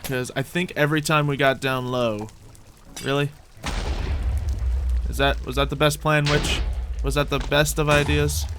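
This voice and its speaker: A gaming video host commentates on his play in character, theatrical and mock-boastful, muttering to himself and repeating phrases. His voice is a little high and level, his pace unhurried, with noise in the background.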